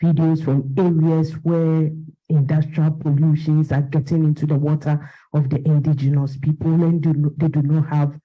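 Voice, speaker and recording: A woman's voice: sits low, little pitch movement, normal speed, lo-fi sound. A woman from Ghana, speaking earnestly from the floor at a panel.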